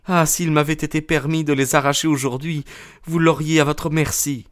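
A man voicing a distraught young wife in an audiobook, pushing his voice high and strained as she pleads and grows bitter. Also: flat delivery, normal speed, close to an everyday voice. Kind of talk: audiobook character reading.

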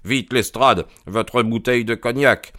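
A man's voice: mid-range voice, measured pace, sharp tone, no echo, clean studio sound. A man voicing a cool, commanding detective in an audiobook, speaking in a clipped, authoritative way. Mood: cold. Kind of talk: audiobook character reading.

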